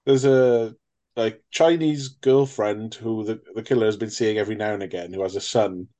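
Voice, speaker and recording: A man's voice: fairly low pitch, steady tone, moderate pace, mellow. Joking British man chatting about a film. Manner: jokey, swears, laughs often, acts out quotes. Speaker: podcast co-host. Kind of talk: casual film-review chat.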